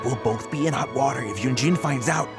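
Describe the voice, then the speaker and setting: An actor playing a sleazy, bullying tabloid editor who mocks and threatens a young reporter, in game audio with music behind. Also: male voice, medium pitch, fairly quick, close to an everyday voice. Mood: sneering. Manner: sneering, bullying, mocking. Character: sleazy scheming male tabloid editor, middle-aged. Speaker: game character. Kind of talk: video game voice acting.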